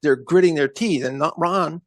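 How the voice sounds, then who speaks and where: A man's voice: fairly high pitch, normal speed, gravelly, dry recording. A man co-hosting a casual sports podcast, talking bluntly and animatedly about his team's coaching. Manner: animated, blunt, swears freely. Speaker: co-host.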